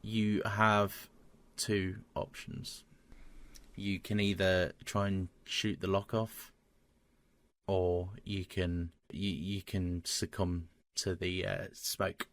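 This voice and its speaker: Slow-paced man as game master, low voice, dry close mic. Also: little pitch movement, fairly bright tone, no echo. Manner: halting, with many restarts and fillers. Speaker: dungeon master. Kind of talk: running a tabletop game.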